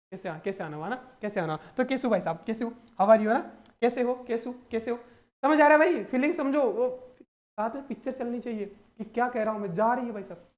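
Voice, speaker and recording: High-voiced young man. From Rajasthan, India. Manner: energetic, jokey, repeats phrases for emphasis. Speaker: exam coaching teacher. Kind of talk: animated mnemonic lecture.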